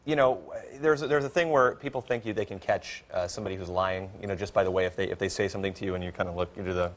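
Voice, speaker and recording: A man co-hosting a talk show in a studio, playful and rambling, sometimes jumping into a high joking voice. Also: very fast. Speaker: talk show guest co-host. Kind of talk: casual chat. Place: TV studio with live audience. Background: studio audience.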